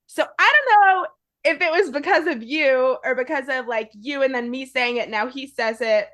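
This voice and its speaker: Bright-voiced young woman chatting casually. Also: sits high, moderate pace. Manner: chatty, laughs often, fillers of like. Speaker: podcast host. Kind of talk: casual chat.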